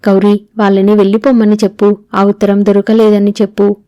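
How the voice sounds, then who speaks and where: A woman's voice: medium pitch, level tone, fairly quick, warm tone, smooth, natural voice. A woman reading as a grief-stricken old father. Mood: grieving. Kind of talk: audiobook reading of a novel.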